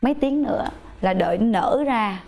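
A young woman guest telling a lively birthing story in casual chat, laughing often and acting out quotes. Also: on the high side, normal speed.

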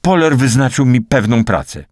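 A man voicing an anxious, flustered young woman in an audiobook, talking fast and pleading. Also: mid-range voice, big pitch swings, a little mellow, no echo, clean studio sound, voice pushed up, lightly acted.

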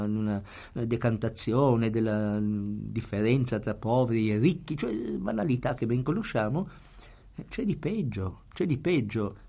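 A man's voice: mid-range voice, darkish tone. A man giving impassioned, emphatic lecture-style commentary on a classical music radio show.

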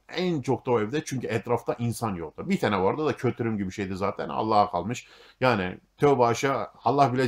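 A middle-aged man telling stories in a casual monologue, blunt and full of profanity, grumbling and fatalistic. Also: mid-range voice. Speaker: YouTube monologue host.

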